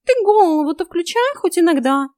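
A woman's voice: extremely high pitch, expressive, fairly quick, a little mellow, dry recording, clean studio sound, pitched above the performer's own voice. A woman voicing a grumbling, sarcastic male talking cat in an audiobook. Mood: scolding. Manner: sarcastic, scolding.

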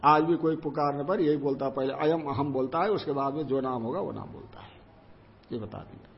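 A man's voice: mid-range voice, fairly quick, creaky, a little hiss or hum. A man teaching a scripture commentary class, reciting Sanskrit lines and explaining them over and over. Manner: recites Sanskrit then explains in Hindi, repeating points. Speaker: Vedanta teacher. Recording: dull lo-fi recording.

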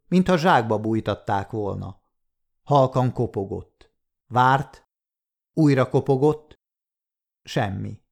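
A man narrating a crime short story in a measured audiobook reading. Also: mid-range voice, vocal fry, a little mellow. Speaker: audiobook reader.

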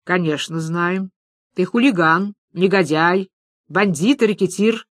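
A woman voicing a tough, commanding old woman who talks in gruff threats, reading a story aloud. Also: lowish voice, unhurried, no echo, clean studio sound, close to an everyday voice. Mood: stern.

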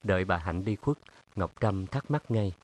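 A man narrating an audiobook in a steady, even storytelling manner. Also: low voice, moderate pace. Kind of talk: scripted narration.

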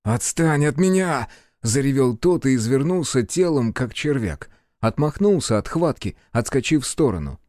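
Man, audiobook narrator, steady storytelling, mid pitch, dry close voice. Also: normal speed, no echo.

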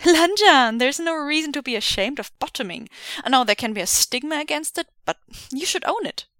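A cheeky, showy young man played by a woman reader pipes up in a high, excitable whine. His lines come out bright and pushy. The recording is dry and close. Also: fairly quick, dry recording. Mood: teasing, whiny. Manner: high, loud, excitable whining.

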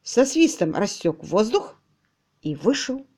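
A woman narrating an audiobook with lively, expressive storytelling. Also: mid-range voice, takes it slowly, husky.

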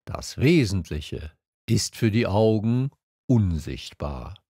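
A man reading an audiobook and voicing a wise, calm fox who explains things patiently. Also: lowish voice, takes it slowly, husky, no room sound, studio quality, full character voice. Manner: patient, teaching.

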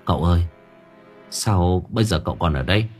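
A man's voice: expressive, fairly quick, darkish tone, soft background music. A man playing a grave middle-aged villager. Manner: low, heavy, sighing.

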